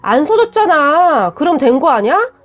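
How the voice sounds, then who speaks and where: A woman's voice: high voice, big pitch swings, moderate pace, muffled recording, soft background music. A woman voicing a curt, defensive young man who talks bluntly and scolds. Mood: blunt, angry.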